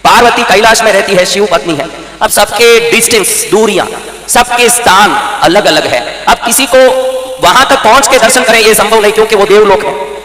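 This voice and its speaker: A man's voice: high voice, moderate pace, sharp tone. A man preaching a sermon to a live audience, firing rhetorical questions at them and ordering them to respond. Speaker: spiritual preacher. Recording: echoey hall reverb.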